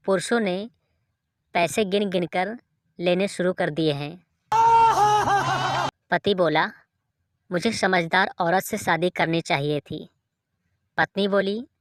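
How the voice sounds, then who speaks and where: A woman reading short jokes aloud in an even storytelling delivery, as a dry close voice-over. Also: lowish voice, no room sound. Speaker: joke reader.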